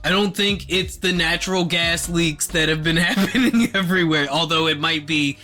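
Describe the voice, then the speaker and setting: Brief man, podcast co-host, high and bright, animated and profane, music faint behind. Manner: animated, profane, laughing, jumps into quick impressions. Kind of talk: casual podcast banter.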